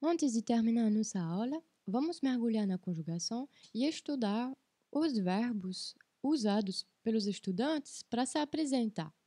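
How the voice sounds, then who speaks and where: A woman giving a language lesson, saying each word twice, slowly and carefully. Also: fairly high pitch, expressive, dark tone, husky, no room sound, clean studio sound. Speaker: French teacher. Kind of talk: slow scripted language lesson.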